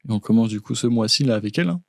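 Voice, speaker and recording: A man's voice: medium pitch, animated, very fast, no room sound. A man co-hosting a podcast in casual chat, upbeat and encouraging, full of tag words. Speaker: podcast co-host. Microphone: studio podcast mic. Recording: dry close podcast studio sound.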